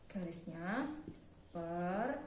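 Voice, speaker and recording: Her voice on the low side and her intonation lively, a young female teacher takes pupils through a primary school math lesson one step at a time. She is slow and patient, frequently adding "nah," in an echoing room with noise in the background.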